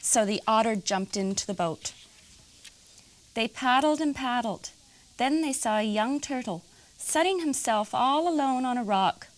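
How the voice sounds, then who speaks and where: Librarian reading a picture book to children, calm storyteller, fairly high woman's voice. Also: measured pace, rough recording.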